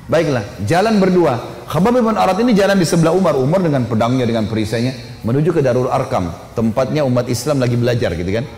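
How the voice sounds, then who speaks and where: A man preaching a sermon, telling a story in an animated, colloquial way with rising emphasis. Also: medium pitch, quick pace. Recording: echoey hall, faint noise.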